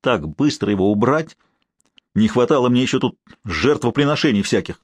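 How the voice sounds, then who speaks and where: A man's voice: medium pitch, animated, moderate pace, no echo, studio quality, natural voice. A male narrator voicing an irritated, skeptical boss who talks sarcastically. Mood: exasperated. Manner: exasperated, sarcastic. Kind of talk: audiobook character voice.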